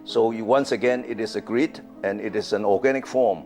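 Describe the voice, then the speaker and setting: An older Hong Kong man with a Hong Kong English accent talks briskly about his own art in an interview, his voice fairly low. He hesitates a lot, with many fillers and repeated words, while soft guitar music plays behind him.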